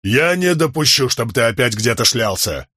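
A man's voice: mid-range voice, animated, slow pace, fairly bright tone, no room sound, clean studio sound. A man voicing a raging middle-aged noble father who roars and blusters. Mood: furious. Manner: roaring, blustering.

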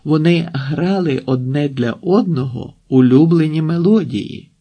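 A man reading an audiobook voices a lively, playful young woman who shouts her story over a loud roar. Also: on the high side, measured pace. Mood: shouting a story.

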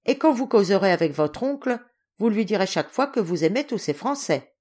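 A woman's voice: medium pitch, very animated, a little fast, darkish tone. Woman doing cold, scheming noble mother in an audiobook, stern and commanding. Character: harsh, greedy aristocratic mother, stern and threatening.

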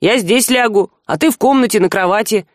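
A woman reading an audiobook voices a gruff young thief who grumbles and sounds suspicious. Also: medium pitch, brisk, no echo, clean studio sound, close to an everyday voice. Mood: grumbling.

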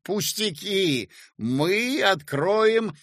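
A man voicing a curt, excitable male writer who brushes off every worry. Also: high voice, drawn-out words, no echo, clean studio sound, pitched above the performer's own voice, heavily acted. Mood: brash. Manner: curt, dismissive, brash. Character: gruff excitable male writer, loud and boastful.

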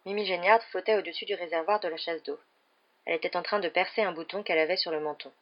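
A woman's voice: fairly low pitch, lo-fi sound. Woman reading a storybook aloud. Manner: measured, steady reading. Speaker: reader. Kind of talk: audiobook narration.

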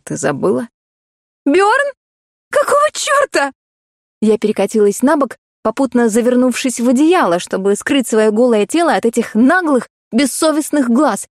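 Lady reading a romance audiobook, warm higher voice, dry close mic, expressive. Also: no echo. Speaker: audiobook narrator. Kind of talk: first-person novel narration.

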